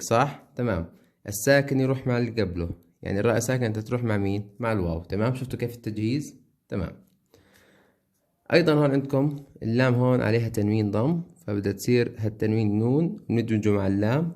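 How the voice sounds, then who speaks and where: A man's voice: mid-range voice, a little mellow. A man with a Levantine Arabic accent teaching a lesson, chanting syllables one by one and constantly checking that his students follow. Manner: keeps checking understanding with quick questions.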